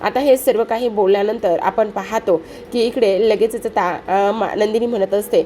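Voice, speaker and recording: A woman casually retelling a TV serial episode, pausing often on fillers as she goes. Her pitch sits in the middle, and a faint hiss runs under her voice. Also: steady tone, warm tone. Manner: storytelling with frequent fillers. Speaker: narrator recapping a TV serial episode. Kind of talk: casual spoken episode recap.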